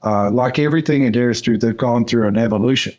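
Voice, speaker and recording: An older man from Central Arkansas speaks in a relaxed, unhurried way and fills his pauses with "uh". He talks like a veteran surgeon explaining his field in a podcast interview, with a voice in the middle of the usual male range. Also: medium pitch. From Central Arkansas, USA. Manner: unhurried, with many "uh" fillers. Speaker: dental surgeon and course mentor.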